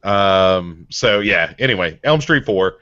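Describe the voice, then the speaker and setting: A man's voice: low voice, expressive, takes it slowly, bright, forceful tone, no room sound. A man co-hosting a live horror podcast, listing bad movies in a laid-back, profane way. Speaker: podcast co-host. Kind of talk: casual chat. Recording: dull dry sound.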